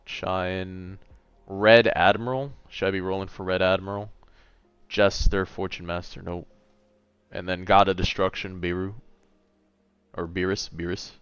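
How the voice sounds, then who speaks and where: A man's voice: deep voice, fairly bright tone, smooth, no room sound, dull audio. A man in his late twenties chatting casually on a gaming livestream, laid-back and a bit tired, rambling as he answers chat. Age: late 20s.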